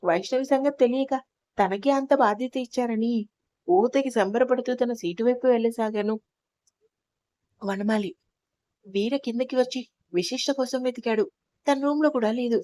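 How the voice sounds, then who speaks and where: A woman narrating an audio story in a steady storytelling manner. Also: fairly high pitch, moderate pace, long pauses, dry recording.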